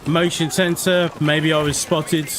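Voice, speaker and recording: A man's voice: a little high, flat delivery, a little slow. A man giving casual live commentary as he plays a shooter game. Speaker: video game streamer. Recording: game noise behind the voice. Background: shooter game sound effects.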